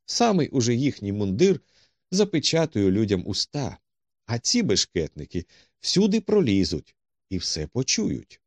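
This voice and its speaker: A man's voice: medium pitch, wildly swooping pitch, a little slow, dry recording, full character voice. A man voicing a cool, dry-witted male detective who speaks tersely and with command.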